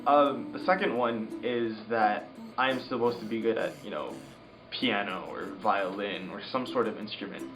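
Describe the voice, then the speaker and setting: A man's voice: lowish voice, normal speed, poor audio. Guy in an interview, casual and wry, music behind.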